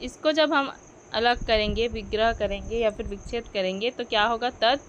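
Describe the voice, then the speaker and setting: A woman's voice: fairly high pitch, normal speed, dull audio, a little hiss or hum. A woman teaching a grammar lesson, asking questions and answering them herself, correcting her own slips as she goes.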